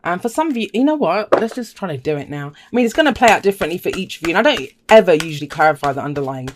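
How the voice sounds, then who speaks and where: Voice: medium pitch, very animated, rapid-fire, noisy background. A tarot reader talking casually and enthusiastically to viewers, with chatty asides and emphatic repetition.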